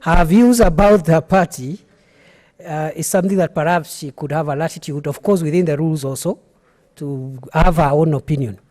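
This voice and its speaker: A Kenyan man rules on procedure from the chair of a legislature. His voice sits a little high for a man and is soft and mellow, and he proceeds haltingly, repeating himself as he smooths things over. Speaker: speaker presiding over the senate.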